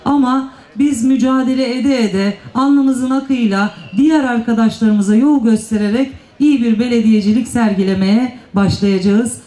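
At a podium microphone, a female mayor speaks formally on a panel, her slightly high, mellow voice lingering emphatically on stressed words in an earnest style. The audio has an echoey public address quality.

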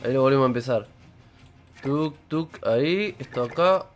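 A man's voice: mid-range voice, expressive, moderate pace, lo-fi sound, faint music behind. A man in his thirties with an Argentine accent, chatting casually on a live game stream and greeting viewers. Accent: Argentine Spanish. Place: indoor room with purple lighting.

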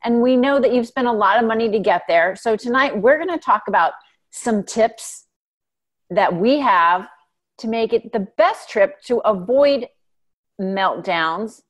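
A woman hosts a casual podcast in a conversational way. Her voice sits at a middle pitch. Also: lively intonation, a little slow. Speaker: podcast host.

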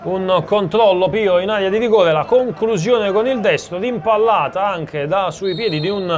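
A man's voice: high voice, moderate pace. A man giving live play-by-play commentary on a football match. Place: outdoor stadium commentary position. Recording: noisy live stadium sound.

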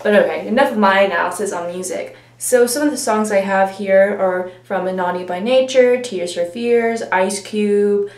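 A young woman talking casually to her camera, chatty and rambling, with plenty of fillers as she goes. Her mid-pitched voice rings in a roomy, echoey space. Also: moderate pace, hardly any pauses. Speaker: vlogger. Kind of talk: casual vlog chat. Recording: roomy echo.

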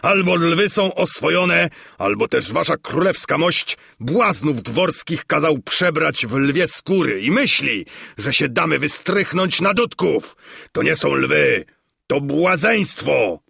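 A man voicing a brash, boastful armored warrior who shouts defiance in an audiobook. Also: fairly high pitch, animated, takes it slowly, gravelly, breathy edge, dry recording, clean studio sound, voice pushed up, exaggerated voice. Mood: outraged. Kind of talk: audiobook character voice.

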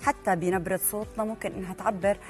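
A woman's voice: mid-range voice, fairly even intonation, rapid-fire, darkish tone, soft background music. A woman, presenting a television talk show segment in a friendly, conversational way. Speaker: TV show host.

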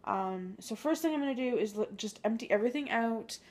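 A vlogger in her thirties chats casually in a home kitchen for a clean-with-me vlog, recorded on a handheld phone camera. Her voice is a little high and a little mellow, animated and brisk, and she's upbeat and chatty, full of ums and small laughs.

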